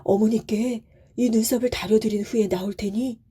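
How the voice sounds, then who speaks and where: An earnest young son from a bedtime story, deeply polite and pleading, as a woman narrator puts him on. The voice is lifted well above her own and stays soft and breathy. It sounds sincere and eager. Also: fairly even intonation, moderate pace.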